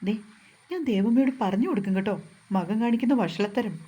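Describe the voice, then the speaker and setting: A woman voicing a feisty, sharp-tongued young wife in a storybook reading, answering back with quick, indignant retorts. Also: mid-range voice, natural voice. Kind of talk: storybook narration.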